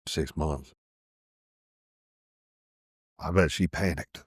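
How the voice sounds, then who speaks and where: An extremely deep male voice belonging to the podcast host, who mostly chimes in with brief reactions and short questions. His voice is recorded dry and up close. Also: very slow, slightly rough, no echo. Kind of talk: interview conversation.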